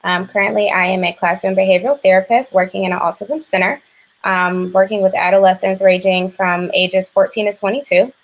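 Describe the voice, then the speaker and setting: A woman's voice: medium pitch, steady tone, fairly quick, rough recording. A woman in her twenties from Ohio giving a graduate class presentation, reading a prepared report steadily. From Ohio, USA. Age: 20s.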